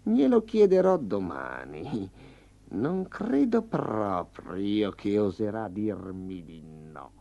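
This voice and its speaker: A man voicing a smug, hungry male tiger with a slow, low, purring growl in a storybook reading. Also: very animated, gravelly, warm tone, full character voice. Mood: sly. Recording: slightly dull lo-fi.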